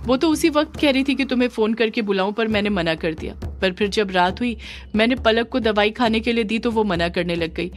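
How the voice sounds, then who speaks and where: A woman voicing a meek young woman who softly explains herself in an audio drama. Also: a little high, brisk, slight background noise, lightly acted. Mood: apologetic. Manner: soft, explaining.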